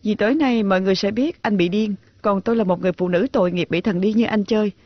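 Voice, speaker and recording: A woman dubbing a sharp-tongued, jilted young woman teacher in a TV drama, defiant and biting. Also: medium pitch, quick pace, dry recording, close to an everyday voice. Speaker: dub actress. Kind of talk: dubbed TV drama acting. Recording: dull lo-fi dub audio.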